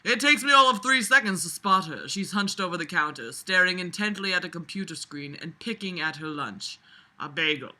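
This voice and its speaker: Reading from a novel, this woman speaks briskly in a fairly low, expressive voice that sounds bright and forceful. Her interruptions are offhand and scornful, packed with profanity and sarcastic exasperation.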